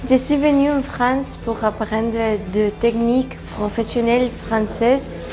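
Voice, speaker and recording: Young woman, mellow high voice. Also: steady tone, a little slow, soft background music. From Spain. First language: Spanish. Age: young adult. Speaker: apprentice cook. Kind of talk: short prepared testimonial.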